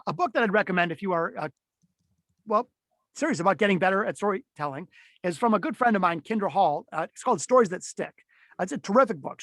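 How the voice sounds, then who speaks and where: Middle-aged male webinar presenter, high-pitched, animated, chatty with restarts, dry close sound. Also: no echo. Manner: animated, swings voice up and down to demonstrate; conversational with frequent fillers and restarts. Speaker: keynote speaker teaching a webinar. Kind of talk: webinar teaching talk.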